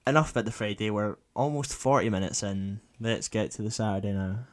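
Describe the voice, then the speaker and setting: Laid-back young man, low voice. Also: brisk. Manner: laid-back, dry humour, runs the segments. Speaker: podcast host. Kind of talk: casual chat. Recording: dry home podcast audio.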